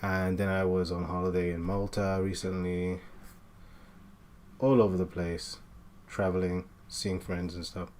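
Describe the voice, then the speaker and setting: Man, late twenties, very low voice, halting casual chat while drawing, faint room hum behind. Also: flat delivery, a little mellow. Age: 20s. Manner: hesitant, many fillers and restarts. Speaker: art streamer.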